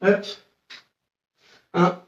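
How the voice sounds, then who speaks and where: A man's voice: very slow, fairly bright tone, distant mic, muffled recording, slight background noise. A man teaching a live online karate class, explaining technique and calling out counts and commands to his students. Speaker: karate instructor. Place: room at home with window. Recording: very echoey room, away from the mic.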